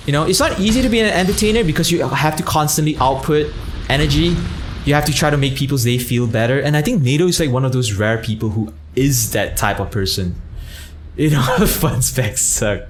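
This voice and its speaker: A young man from Malaysia rambles through a casual livestream chat, his pitch jumping around animatedly as he thanks viewers. A faint hum of room noise sits behind him. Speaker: streamer.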